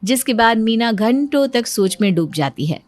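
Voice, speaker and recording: A woman's voice: on the high side, expressive, normal speed, no room sound. A woman narrating a scripted moral story.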